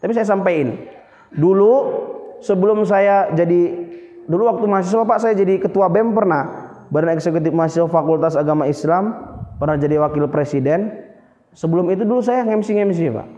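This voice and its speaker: A man's voice: high voice, a little mellow. A man running a public speaking workshop in a mosque, playful and teasing, often quizzing his audience. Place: mosque hall. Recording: reverberant hall, dull lo-fi sound.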